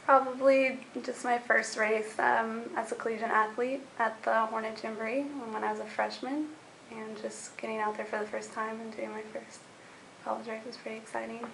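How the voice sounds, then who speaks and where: A twenty-year-old woman with a fairly high voice and a gravelly edge answers interview questions. She talks in a chatty, upbeat way. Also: level tone, moderate pace, a bit bright, a little hiss or hum, rough recording. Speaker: college cross-country runner.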